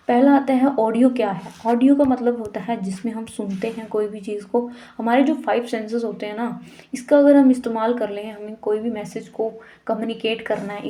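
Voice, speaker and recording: A woman's voice: a little high, mellow. A woman with an Indian accent explains a lesson to students in a casual teaching manner, often asking rhetorical questions and mixing in English terms.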